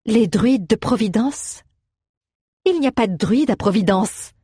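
A woman's voice: on the low side, animated, a little slow, a little mellow, slightly rough, no echo, clean studio sound. A woman voicing a poised, commanding young woman who speaks with cutting sarcasm in an audiobook. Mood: mocking. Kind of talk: audiobook character voice.

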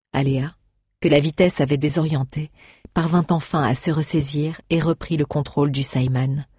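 Low, husky woman storyteller. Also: warm tone, dry recording, clean studio sound. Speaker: audiobook narrator. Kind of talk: scripted storybook narration.

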